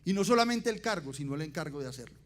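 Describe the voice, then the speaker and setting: A man giving a motivational conference talk, asking the audience rhetorical questions and swinging between loud emphasis and quiet, dropped endings. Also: on the high side, expressive, racing, a little hiss or hum. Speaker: conference speaker.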